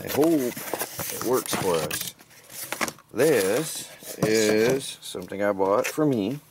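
A man's voice: fairly low pitch, expressive, slow. A middle-aged man casually narrating his homestead chores outdoors, rambling and chuckling to himself, picked up by a camera mic. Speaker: homesteading vlogger. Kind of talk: casual work-along narration. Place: outdoors on a rural property. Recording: faint outdoor background noise.

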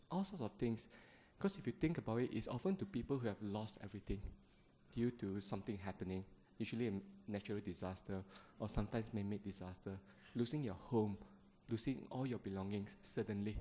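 A man in his thirties from Malaysia, giving a gentle, conversational Buddhist talk to a seated group, speaking into a handheld microphone in a temple hall. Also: on the low side. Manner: gentle, conversational, with frequent fillers and small laughs. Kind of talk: Dharma talk to a seated audience. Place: temple hall, indoors, seated on the floor before a shrine.

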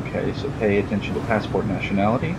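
A man casually commenting as he plays a game for the first time, chatty and sarcastic, reading on-screen text aloud on a low-quality home mic. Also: fairly even intonation, fast talker, gravelly, heavy background noise. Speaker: gaming YouTuber. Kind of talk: casual let's-play commentary. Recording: loud game music behind.

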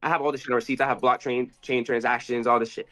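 A man's voice: medium pitch, level tone, fairly bright tone. A man being interviewed, telling a rambling story with lots of cursing and restarts. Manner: rapid, cursing, restarts often. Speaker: interview guest.

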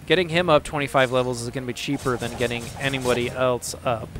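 A man's voice: mid-range voice, steady tone. Upbeat man rambling over gameplay. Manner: upbeat, rambling, quick to laugh. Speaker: gameplay commentator. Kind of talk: casual let's-play commentary. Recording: game music playing behind.

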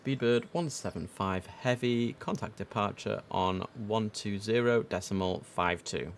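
A man with a croaky early-morning voice, chatting on a live stream while giving air traffic control calls. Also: on the low side, a little slow. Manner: chatty, mixes slang with controller phraseology. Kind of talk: casual live-stream commentary with radio calls.

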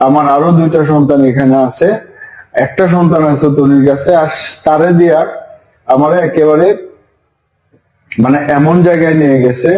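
A Bangladeshi man speaking in a halting, pleading way, distressed and tearful, as he addresses viewers in an emotional livestream monologue. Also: on the high side, warm tone. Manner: pleading, halting, with repeated phrases. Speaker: father making a public appeal. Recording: echoey room.

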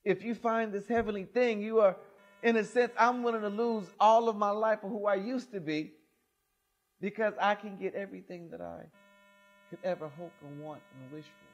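Middle-aged pastor guy preaching, kinda high voice, gets loud then real soft, small church. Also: normal speed, dull audio. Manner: animated, expressive, loud and soft swings. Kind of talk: sermon with gospel reading. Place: small church sanctuary, indoors.

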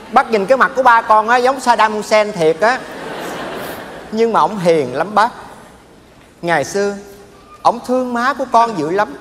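A higher-pitched man's voice, earnest and polite, a young son. His words echo through a large theater hall. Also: a bit bright, slight background noise. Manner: earnest, respectful explaining. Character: earnest young man explaining his father. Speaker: stage comedy actor. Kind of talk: stage sketch acting. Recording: live stage with hall echo.

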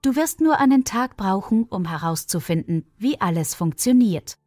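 A woman's voice: mid-range voice, expressive, moderate pace, mellow, dry recording, studio quality, faint music behind, lightly acted. Kindly older librarian, as a woman reader voices her. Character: kindly older village librarian nearing retirement. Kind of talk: storybook reading.

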